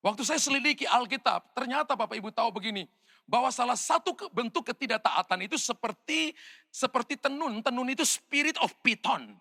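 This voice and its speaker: A man's voice: very high-pitched, vocal fry, pushed and bright. A man with an Indonesian accent preaching a sermon as a pastor, telling a story and often addressing the congregation as "saudara". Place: church hall. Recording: long hall reverb.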